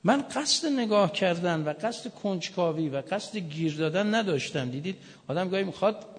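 A man's voice: high-pitched, expressive, in a large hall. A male cleric preaching a sermon, telling stories with joking asides. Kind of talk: sermon with anecdotes.

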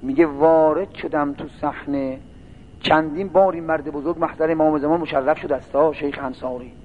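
A man's voice: on the high side, steady tone. A man preaching a sermon, telling a long religious story and building into mournful chanting. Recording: tinny phone-like sound with faint noise.

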